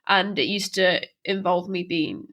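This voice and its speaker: Podcast co-host, woman with a stammer, bright voice, lively and agreeable. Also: lowish voice. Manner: stammers at times, quick to agree and laugh. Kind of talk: casual chat.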